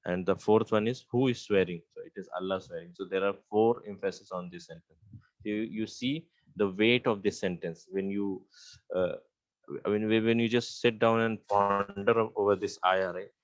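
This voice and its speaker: A man teaching an Arabic grammar lesson, explaining step by step with frequent pauses and fillers and reciting Arabic phrases. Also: lowish voice, steady tone, dull audio.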